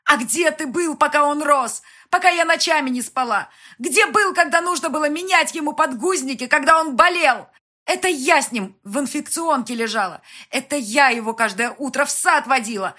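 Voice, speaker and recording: A woman voicing a desperate young mother who shouts bitterly and mocks the man she is fighting with. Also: sits high, moderate pace, pitched above the performer's own voice. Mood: furious.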